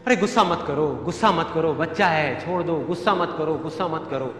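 A man doing a shrill fussing mother. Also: animated, slow, bright, forceful tone, faint music behind, full character voice. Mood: soothing. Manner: shrill, repetitive pleading that turns into egging on. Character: fussing mother who stokes the anger. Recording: reverberant hall, faint ambience.

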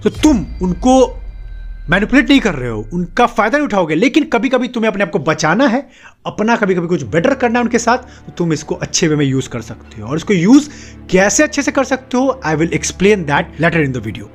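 A young man gives an animated motivational talk straight to camera. His voice sits high and leaps around constantly, stacking short emphatic phrases one on another. Soft music plays faintly underneath. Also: moderate pace. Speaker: self-help video host.

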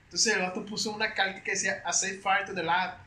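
A young man with a Mexican accent, a podcast guest telling stories in a slangy, animated, casual way. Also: high voice, fast. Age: young adult. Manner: slangy, animated, peppers speech with güey. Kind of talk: casual storytelling chat. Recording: roomy echo with faint hiss.

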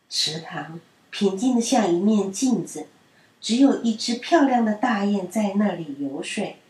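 A woman reading children's stories aloud in a gentle storyteller manner. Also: medium pitch. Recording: roomy and distant.

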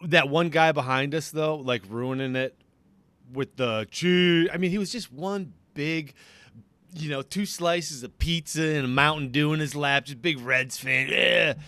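A man hosting a casual sports podcast, chatty and quick to laugh, going off on tangents. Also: fairly high pitch, sharp tone, dry recording. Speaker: podcast host. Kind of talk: casual chat.

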